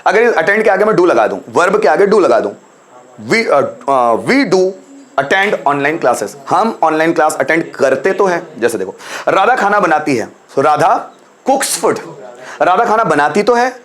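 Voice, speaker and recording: A young man with a Hindi accent teaching English in a live online class, coaxing students and repeating examples slowly. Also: on the high side, very animated, a bit bright.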